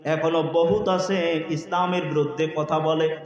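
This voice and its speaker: A man's voice: on the high side, steady tone, a little slow, highs cut off. A man preaching a fiery waz sermon, impassioned and sing-song, often asking the crowd to agree. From Bangladesh. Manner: impassioned, rising to shouts, sing-song cadence; colloquial, asks the crowd for agreement. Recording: echoey hall with long reverb.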